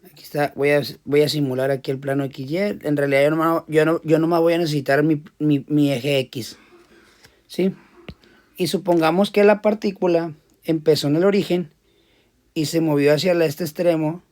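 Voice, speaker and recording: Casual, higher-pitched male teacher. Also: darkish tone. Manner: casual, repeats words while drawing. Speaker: physics teacher. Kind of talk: casual classroom lecture.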